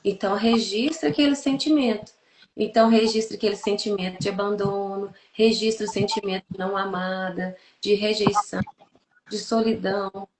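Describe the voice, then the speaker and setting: A Brazilian woman in her thirties, a therapist who hosts a podcast, speaks at medium pitch in a steady tone and normal speed. She explains things didactically in conversation, listing and repeating points for emphasis, in an echoey, roomy recording with background noise.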